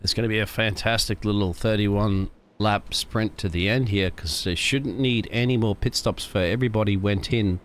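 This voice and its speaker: A man's voice: on the low side, steady tone, moderate pace, few pauses, a bit bright. A man giving conversational live motorsport commentary as a co-commentator on a sim race.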